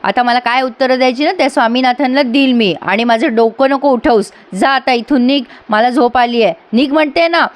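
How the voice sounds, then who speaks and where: A woman's voice: sits high, a little fast, few pauses, lightly acted. A woman reading the lines of a rude, dismissive young woman in a serial recap, talking curtly. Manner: curt, dismissive.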